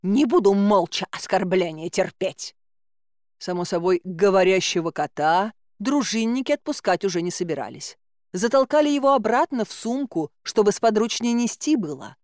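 A woman narrating a first-person audiobook in a lively, ironic way. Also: medium pitch, no echo, clean studio sound.

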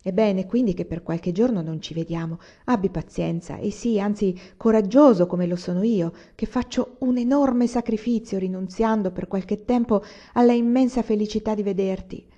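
A woman's voice: mid-range voice, moderate pace, hardly any pauses, dark tone, lightly acted. A woman reading a young woman's love letter in an audiobook, tender and earnest, on a dull lo-fi recording.

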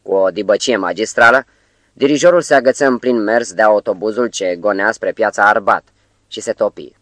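Man reading an audiobook, low voice, even storytelling, dry close mic. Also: dry recording. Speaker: audiobook narrator. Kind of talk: scripted narration.

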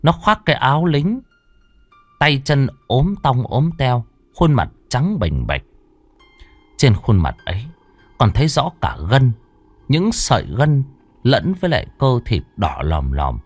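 A man tells a ghost story with a very lively pitch that rises and falls dramatically. His voice sounds dry and close, with soft music underneath. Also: unhurried, no room sound. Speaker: narrator. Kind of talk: storytelling narration of a horror tale.

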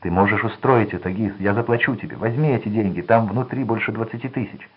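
A man voicing a desperate, terrified male crook who pleads and shouts in a trembling voice. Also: lowish voice, fast, slightly rough, dull audio, voice pushed up. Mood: desperate begging.

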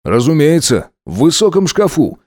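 A man playing a smug, wealthy young man who teases in an unhurried, self-satisfied way in an audiobook drama. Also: on the high side, big pitch swings, darkish tone, dry recording, studio quality. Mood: mocking, casual.

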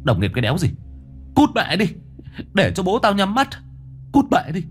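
A man voicing a furious grieving young man who yells and curses. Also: high voice, wildly swooping pitch, moderate pace, soft background music, pitched above the performer's own voice. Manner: yelling, cursing, aggressive.

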